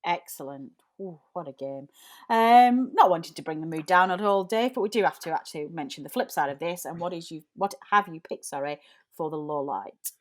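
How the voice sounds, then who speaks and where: A woman's voice: fairly low pitch, lively intonation, brisk. A woman co-hosting a football fan podcast, introducing segments and teasing her co-host in casual banter.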